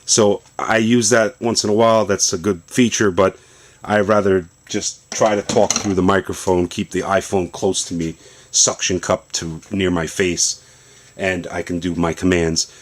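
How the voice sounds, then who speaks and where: A man's voice: low-pitched, a little slow, slight background noise. A man casually demonstrating a phone setup in his basement, explaining loosely as he goes. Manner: relaxed, explanatory, loosely rambling. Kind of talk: casual product demo. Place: home basement.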